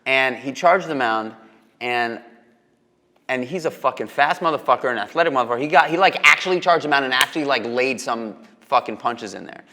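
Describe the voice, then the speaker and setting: A man from New York City hosting a podcast, telling stories excitedly and swearing a lot. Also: mid-range voice, a little fast. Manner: excited storytelling, heavy swearing. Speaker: podcast host. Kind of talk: casual podcast chat. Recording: long reverb.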